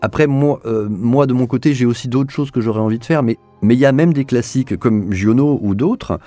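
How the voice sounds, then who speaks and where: In his interview as an audio drama director, this man replies off the cuff in an earnest, searching manner, repeating words as he reaches for the next. He speaks a little fast at medium pitch, mellow-toned, with faint music behind him.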